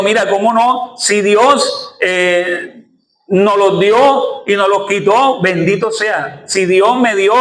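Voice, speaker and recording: High-voiced male pastor preaching in an echoey church. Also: a bit bright. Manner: preaching, calls congregation to repeat after him. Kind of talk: sermon.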